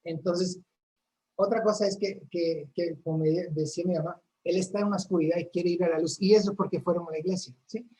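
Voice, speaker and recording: A woman's voice: fairly low pitch, steady tone, brisk, warm tone, a little hiss or hum, poor audio. A woman from a church ministry, talking earnestly about her faith in a casual chat, often restarting her sentences. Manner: earnest storytelling with frequent restarts.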